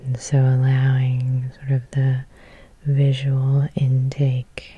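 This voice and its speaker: This dry recording captures a woman whispering an ASMR hypnosis session right up against the mic, soft, breathy and soothing, with long silences between lines. Her voice is very deep and her delivery monotone.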